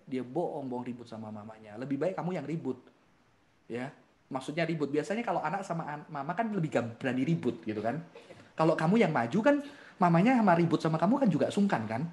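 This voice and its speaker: Animated man speaker, laughing often. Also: a little high. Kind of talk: seminar talk answering youth questions.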